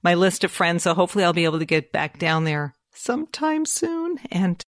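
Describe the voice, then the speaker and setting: A woman hosting a podcast, chatting in a friendly, easy way with quick asides. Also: fairly low pitch, very animated, no echo, studio quality. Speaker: podcast host. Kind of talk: casual podcast chat.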